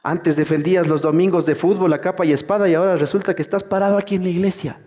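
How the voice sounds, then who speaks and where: A male pastor preaching a sermon in a lively way, acting out the voices of churchgoers as he goes. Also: high-pitched, quick pace, in a large hall.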